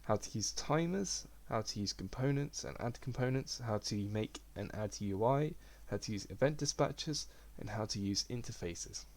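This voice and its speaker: A young man giving a relaxed, rambling software tutorial at his computer. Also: mid-range voice, normal speed, few pauses. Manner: relaxed, rambling, self-deprecating. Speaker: game development tutor. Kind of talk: casual screen-recorded tutorial.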